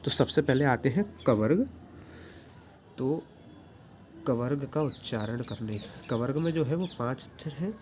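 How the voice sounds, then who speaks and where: A man leads a calm, explanatory pronunciation lesson, pausing to demonstrate each sound slowly and clearly. His pitch sits in an ordinary middle range. A faint hum of background noise stays under his voice. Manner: patient, demonstrates sounds aloud. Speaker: Sanskrit teacher.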